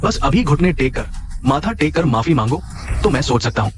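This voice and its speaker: A male voice actor playing a blustering middle-aged village bully in a dubbed drama, loud and threatening. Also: mid-range voice, big pitch swings, a little fast, over music, lightly acted. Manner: loud, threatening, then fawning. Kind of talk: Hindi-dubbed drama acting.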